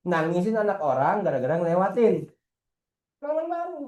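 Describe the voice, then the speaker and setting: A man's voice: high voice, brisk, echoey room. A man, a football coach talking casually in an internal team meeting, teasing and asking rhetorical questions. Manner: lively, slangy, teasing, asks rhetorical questions.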